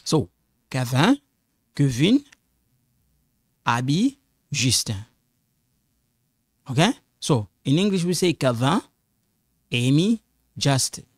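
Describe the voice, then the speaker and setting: A middle-aged French teacher gives a classroom-style language lesson in non-native English, explaining slowly, patiently and repetitively. His mid-range voice is sing-song, recorded with clean studio sound and no echo.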